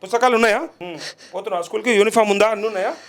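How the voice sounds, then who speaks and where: Man, journalist, gravelly voice, coaxing tone, repeats answers back. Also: high-pitched, rapid-fire, a bit bright. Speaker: journalist interviewer. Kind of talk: on-the-spot interview.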